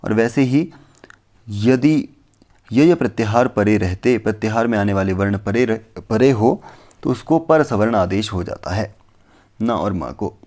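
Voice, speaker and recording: A man's voice: on the low side, a little mellow. Man explaining Sanskrit phonetics step by step. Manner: explains step by step, repeating and asking himself questions; recites Sanskrit verses slowly. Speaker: Sanskrit teacher.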